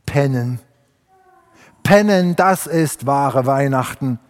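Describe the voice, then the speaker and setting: A lazy badger from a storybook fable drawls about sleeping, as a preacher puts him on. His words come slow and drowsy under the church reverb. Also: medium pitch, expressive, voice pushed down.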